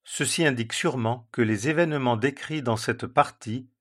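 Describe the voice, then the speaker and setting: A man slowly reading scripture aloud and commenting on it in a measured, solemn way. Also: medium pitch, fairly bright tone. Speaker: Bible teacher.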